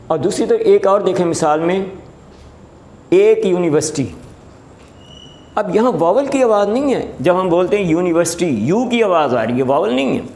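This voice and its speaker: In a recorded classroom lecture, a male English teacher with a slightly high, a little mellow voice patiently repeats examples and checks that his students understand. The room is echoey, with faint noise.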